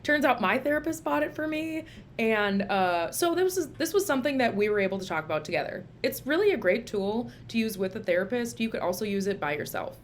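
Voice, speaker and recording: Her voice a little high, animated and slightly quick, a Minnesota-accented woman from Minnesota, USA, reviews a book informally on home video amid slight background noise. She works as a licensed social worker and therapist and films chattily in her telehealth room at home.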